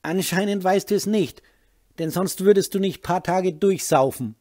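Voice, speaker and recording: An anxious, pressing young woman in an audiobook, read by a man. Her voice sits noticeably higher than the narration and carries a husky grain. She pushes her words out with urgency. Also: sing-song, moderate pace, dark tone. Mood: angry. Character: worried young woman defending her drinking partner. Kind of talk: audiobook character voice.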